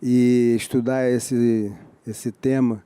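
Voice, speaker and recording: An older Brazilian man from Rio de Janeiro speaking as a guest in a measured, formal, grateful manner. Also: mid-range voice, little pitch movement, warm tone, smooth, dry recording.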